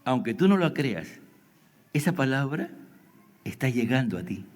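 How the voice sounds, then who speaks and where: A male pastor with a medium-pitched, very animated voice preaches unhurriedly to a youth service, often checking in with the congregation through rhetorical questions. The livestream was recorded in a reverberant church hall.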